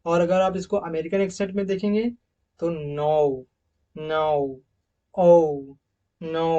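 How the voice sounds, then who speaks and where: Teaching phonetics from slides like a classroom lecture, a man with a high-pitched voice elongates and repeats each sample word emphatically and loudly, then goes back to brisk explanation. The recording's high frequencies are cut off.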